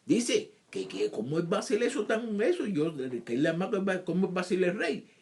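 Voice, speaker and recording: A man's voice: high-pitched, sing-song, moderate pace, darkish tone. A man teaching scripture, reading verses aloud and explaining them in his own words, often repeating himself and asking rhetorical questions. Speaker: Bible teacher.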